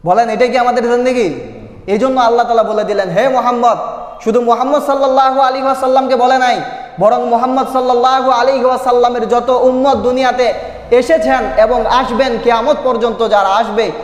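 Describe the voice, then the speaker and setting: High-voiced older male preacher in an echoey hall. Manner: rhetorical questions, chanted Arabic and Persian verses. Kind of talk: sermon. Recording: echoey hall, sound from a distance.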